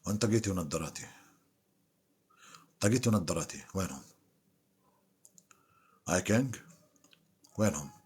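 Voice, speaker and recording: A man hosts a casual live stream. His voice sits low and sounds husky and a little breathy. He teases and banters with his viewers in an easy, offhand way. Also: expressive, brisk, long pauses, a little mellow. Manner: teasing, bantering. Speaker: livestream host.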